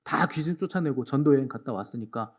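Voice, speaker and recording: A male pastor delivering a Sunday sermon, retelling scripture with acted-out dialogue and sudden swings from quiet to forceful. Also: mid-range voice, lively intonation, fast talker. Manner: acts out biblical speakers in dialogue, swings between hushed and emphatic.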